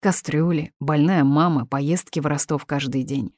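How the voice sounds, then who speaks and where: A woman reading the part of a middle-aged father, measured and firm, in a dry, close recording. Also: sits low, steady tone, a little mellow, no room sound.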